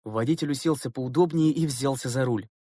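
A man narrating a story as an audiobook reader, in a measured storytelling manner. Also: medium pitch, dark tone, slightly rough, no echo, studio quality. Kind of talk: scripted narration.

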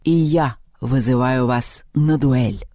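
A man voicing a pompous, gallant male eagle in a storybook reading, speaking slowly and grandly. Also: dark tone, no echo, clean studio sound, natural voice. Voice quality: slow, deep, theatrical.

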